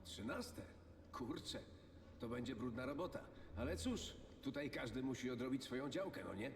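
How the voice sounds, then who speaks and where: A man's voice: medium pitch, animated, normal speed, roomy sound, natural voice. An actor playing a brusque, mocking male survivor in a video game, heard as distant game audio. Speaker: game character.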